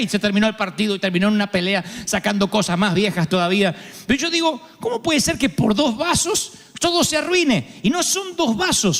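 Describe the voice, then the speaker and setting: Animated Argentine preacher in a big hall. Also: male voice, high-pitched. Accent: Argentine Spanish. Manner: humorous storytelling, acts out voices. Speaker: pastor. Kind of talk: sermon. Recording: long reverb of a large hall.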